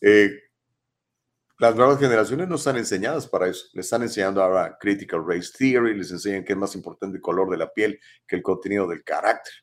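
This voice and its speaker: A Mexican talk show host in his 50s runs a live show, reacting to viewer messages with emphatic rhetorical questions. He has a deep voice and talks fast.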